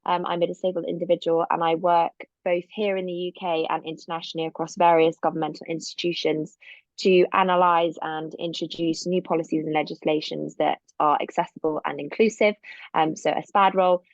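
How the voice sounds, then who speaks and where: A woman's voice: lowish voice, flat delivery, a little fast, no echo. Dry, muffled Southern English woman panelist. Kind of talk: conversational self-introduction on a panel. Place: indoor room at home, online call. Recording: dull, lo-fi webinar audio.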